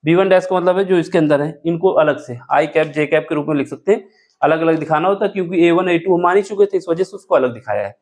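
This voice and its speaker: A man's voice: on the high side, fast, a little mellow. A man teaching a board-exam math lesson step by step, asking questions and answering them himself. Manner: asks rhetorical questions and answers them, self-correcting aloud.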